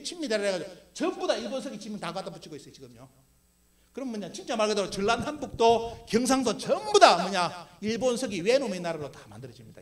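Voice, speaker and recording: A middle-aged man giving an emphatic public history lecture with slides, constantly posing rhetorical questions and answering them himself. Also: high voice. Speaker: lecturer for a history civic group.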